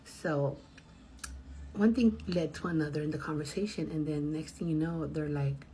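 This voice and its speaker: A woman with a lowish voice tells a story about her passengers in a casual, animated way. She laughs often while she talks. A faint hiss sits under the recording. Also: normal speed. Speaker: rideshare driver.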